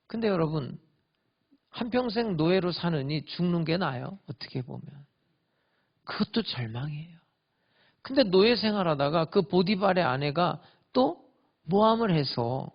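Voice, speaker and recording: A male pastor preaching a sermon, swinging between loud emphatic lines and hushed whispers. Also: high-pitched, creaky, dull audio. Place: church sanctuary.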